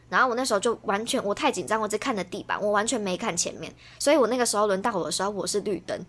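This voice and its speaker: A woman's voice: medium pitch, a bit bright. A young woman, co-hosting a casual chat and telling a story in a chatty, self-mocking way. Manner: fast, chatty, self-mocking, laughs often. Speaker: podcast co-host.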